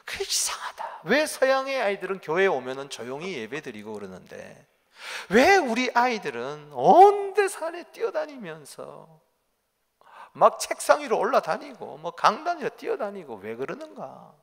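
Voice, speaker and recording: A pastor preaching a sermon, firing rhetorical questions at the congregation and swinging from loud to quiet. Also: male voice, high voice, huge pitch swings, moderate pace, vocal fry. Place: church sanctuary. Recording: long church reverb.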